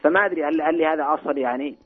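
Man over the phone, husky voice, very rapid talk, hesitant and restarting, tinny narrow line. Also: fairly high pitch. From Saudi Arabia. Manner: hesitant, searching for words, restarts phrases. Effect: heard over the phone. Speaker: caller to a religious call-in program. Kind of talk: phoned-in question.

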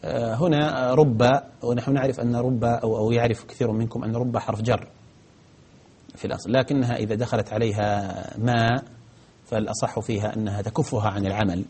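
A man's voice: medium pitch, fairly even intonation, a little fast, darkish tone, breathy edge. A man teaching grammar on a broadcast lesson, answering viewer questions methodically, step by step, with frequent hesitations.

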